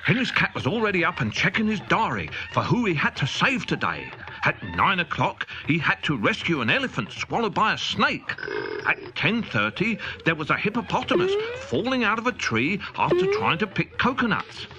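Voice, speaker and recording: A male storyteller reads a scripted children's audiobook in a playful, comic, spirited way. His high voice swoops wildly in pitch at a normal speed, with noise in the background.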